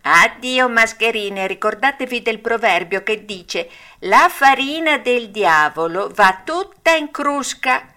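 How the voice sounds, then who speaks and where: A woman's voice: on the high side, expressive, slow pace, bright, forceful tone, pitched above the performer's own voice, exaggerated voice. A woman doing a cheeky wooden puppet boy. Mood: mocking. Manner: scolding, mocking.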